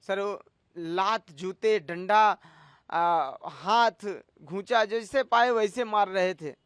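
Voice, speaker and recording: A cook in his thirties alleging assault pleads his case in a news interview, calling the interviewer "sir" again and again. His voice sits high and comes slow, fairly bright and smooth, with no room sound.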